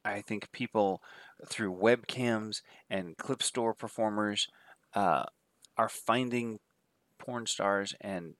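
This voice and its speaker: An adult film reviewer with a cold talks in a nasal voice, giving a rambling, casual spoken review and listing titles with many fillers. His pitch is fairly low and his tone fairly bright. There's no echo.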